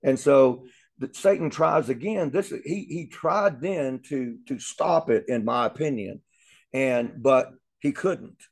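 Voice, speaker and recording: A man's voice: mid-range voice, slow, creaky. A man teaching a Bible lesson in an earnest way, often repeating words as he thinks aloud.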